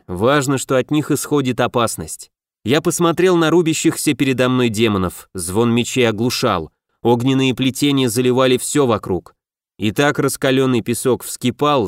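A man narrating a first-person fantasy audiobook in a brisk, lively storytelling manner. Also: medium pitch, no room sound, clean studio sound.

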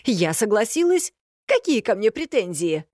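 A woman voicing a young bride who babbles flippant nonsense in a higher, lively voice. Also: moderate pace, dry recording, studio quality.

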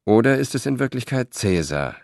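A man voicing a worried but firm Roman statesman in an audiobook, measured in delivery. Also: mid-range voice, sing-song, a little mellow, no room sound, studio quality, voice pushed up.

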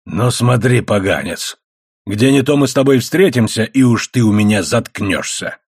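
Menacing brute blacksmith for an audiobook, read by a man: gruff, jeering, husky, dry close sound. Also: on the low side, animated, normal speed, dry recording. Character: threatening heavy male blacksmith, young adult-to-middle-aged, brutish.

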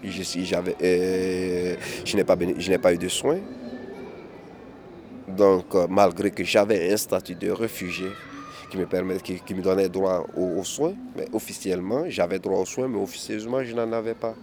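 A man's voice: low-pitched, fairly even intonation, moderate pace, a little mellow, a little hiss or hum. A man speaks as an interviewee. He talks with many hesitations, repeated words and restarts. He is recorded outdoors in a city. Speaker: interviewee, migrant activist. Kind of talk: candid interview testimony.

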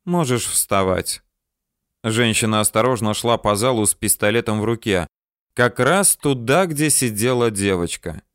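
A man narrating an audiobook in an expressive, dramatic reading. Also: fairly low pitch, normal speed, no echo, clean studio sound.

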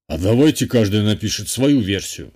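A man voicing an older male university rector, proud and weary, in a lower, gruffer voice in an audiobook. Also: lively intonation, moderate pace, a little mellow. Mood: grave, indignant. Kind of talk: audiobook character voice.

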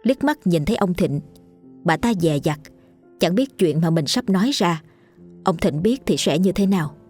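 A woman narrating a ghost story audiobook in a steady, solemn manner. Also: lowish voice, normal speed, breathy edge. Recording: faint music behind. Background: faint background music.

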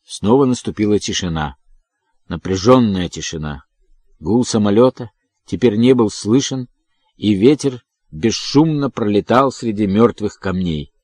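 A man reading a first-person audiobook narration in a measured, dramatic way. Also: fairly low pitch, darkish tone, no room sound.

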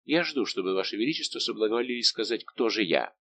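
Male reader as a middle-aged musketeer captain: calm, respectful, unbending, low-pitched. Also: quick pace, gravelly, full character voice. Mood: calm defiant. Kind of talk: audiobook reading.

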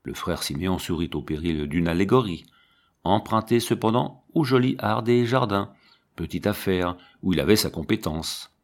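Expressive low-voiced male narrator. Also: normal speed. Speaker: audiobook reader. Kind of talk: scripted narration.

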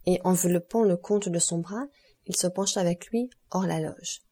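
Husky-voiced woman reading a novel. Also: lowish voice, fairly even intonation, moderate pace, warm tone. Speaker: audiobook reader. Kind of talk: scripted narration of a classic novel.

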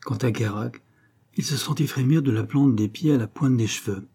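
A man narrating a classic novel as an audiobook, in a measured literary reading. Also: mid-range voice, mellow, slightly rough.

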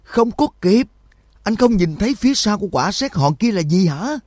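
A man voicing an urgent young man who shouts in a strained, high voice. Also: very animated, normal speed, no room sound, studio quality.

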